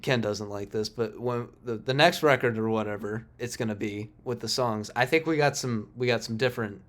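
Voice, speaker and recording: Man, band podcast co-host, teasing jokey casual chat, middle pitch. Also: moderate pace, fairly bright tone. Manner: joking, teasing, steers the show.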